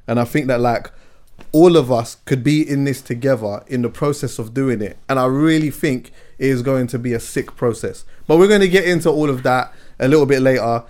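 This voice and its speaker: A man's voice: mid-range voice, a little fast, darkish tone. London man chatting as podcast host. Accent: London English. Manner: conversational, often punctuates with "yeah" and "you know". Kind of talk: casual podcast chat.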